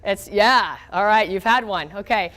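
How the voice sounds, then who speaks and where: A woman's voice: mid-range voice, moderate pace, a bit bright. An American woman giving an informal physics lecture, her voice weak from a cold, conversational and often checking in with her students. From southern United States. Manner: conversational, checks in with okay and all right.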